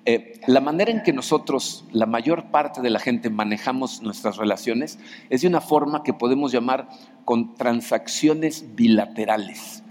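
A man's voice: mid-range voice, darkish tone. A man preaching a sermon in a church hall, in a conversational style with frequent rhetorical questions. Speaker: pastor.

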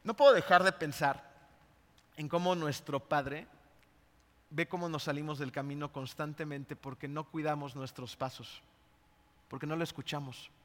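A Mexican-accented man preaches a sermon, spinning a personal story and checking in with his listeners. His voice is bright and pitched fairly high. The sound rings with the long reverb of a large hall. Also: moderate pace, long pauses. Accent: Mexican Spanish. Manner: lively storytelling, often checks in with the congregation.

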